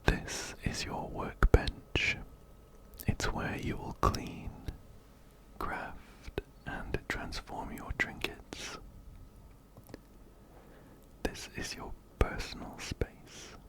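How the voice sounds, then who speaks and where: A man whispers his way through a video game, ASMR-style, slow and breathy, pressed close to an ear-to-ear binaural mic. Now and then he gently repeats his words.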